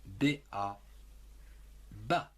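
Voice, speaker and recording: Male teacher, husky voice, very slow and deliberate, spells letters and syllables one at a time for a lesson. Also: lowish voice, a bit bright. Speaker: handwriting teacher.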